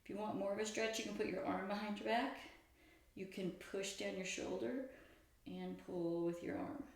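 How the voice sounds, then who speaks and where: In a strongly reverberant room, a woman leads an exercise routine with casual instruction. Her pitch sits in the middle range for a woman. She is chatty and informal, a little self-deprecating as she guides each step. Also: steady tone, normal speed, gravelly. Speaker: host of a stretching routine video. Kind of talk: casual exercise instruction, talking through own stretches. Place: echoey room indoors.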